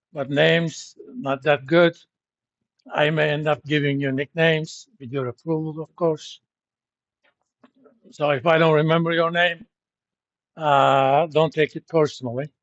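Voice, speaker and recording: Middle aged prof from turkey, blunt n jokey, kinda high voice, dry lo-fi class recording. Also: male voice, no echo. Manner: blunt, joking, informal. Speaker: university professor. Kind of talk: classroom lecture.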